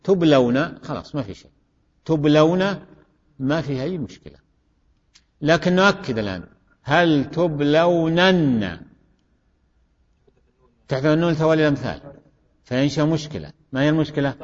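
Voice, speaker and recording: Male teacher, drills students with questions, slightly high voice, dull recording from a classroom. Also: expressive, fast talker, long pauses. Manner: questioning, repeats student answers. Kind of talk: classroom grammar lesson. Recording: dull recording in a reverberant hall.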